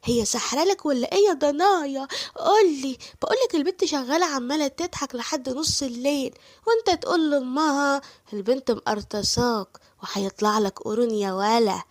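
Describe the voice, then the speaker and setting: A woman's voice: high voice, fairly quick, natural voice. A woman voicing a nagging, scheming older Egyptian mother-in-law who scolds and accuses her son. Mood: scolding. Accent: Egyptian Arabic.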